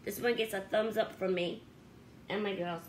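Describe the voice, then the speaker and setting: A woman's voice: steady tone, moderate pace, a little hiss or hum, low-quality recording. A middle-aged woman casually reviewing a laundry gadget to camera at home, chatty and upbeat, with fillers. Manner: chatty, upbeat, with fillers; high baby-talk when calling her dogs. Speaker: pet channel host. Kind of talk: casual product review vlog. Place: home bedroom with dog beds, indoors.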